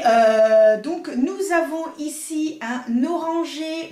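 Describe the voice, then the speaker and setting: A woman presenting a casual makeup tutorial, chatty and hesitant, often pausing on fillers and correcting herself. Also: high-pitched, darkish tone, reverberant. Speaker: beauty vlogger.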